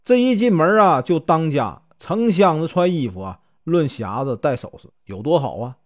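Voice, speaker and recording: A man's voice: fairly high pitch, sing-song, normal speed. A male storyteller voicing a chatty old woman in her sixties, a meddling matchmaker who coaxes and gushes. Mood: coaxing. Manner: gushing, coaxing.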